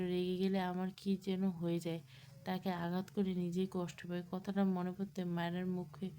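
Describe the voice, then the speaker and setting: A woman narrating a romance audio story, reading every character in the same even voice. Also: lowish voice. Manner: reads all characters in one even voice.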